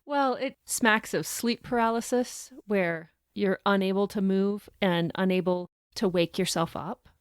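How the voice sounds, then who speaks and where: A woman's voice: medium pitch, unhurried, hardly any pauses, clear, resonant tone, no room sound, studio quality. A woman co-hosting a podcast, talking through a short story in a thoughtful, casual way and reading quotes aloud. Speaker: podcast co-host. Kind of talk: casual book discussion.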